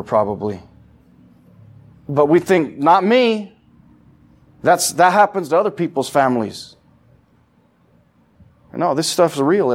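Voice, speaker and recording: A man preaching a sermon in a church sanctuary, talking casually with the congregation and acting out quoted voices. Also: mid-range voice. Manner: conversational preaching, acts out quoted voices, asks the congregation questions. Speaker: pastor.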